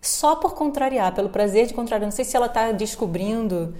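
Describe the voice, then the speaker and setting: A woman's voice: fairly high pitch, animated, brisk, warm tone. A woman with a Brazilian Portuguese accent co-hosting a casual podcast chat, asking questions and telling anecdotes as she thinks aloud. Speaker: co-host.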